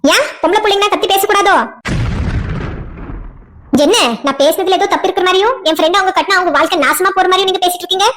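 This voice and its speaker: Woman doing cartoon drama voices, south tamil accent, super high voice, talks really fast, fiery scolding tone. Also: a bit bright. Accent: south Tamil Nadu dialect. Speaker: voice actor for a cartoon series.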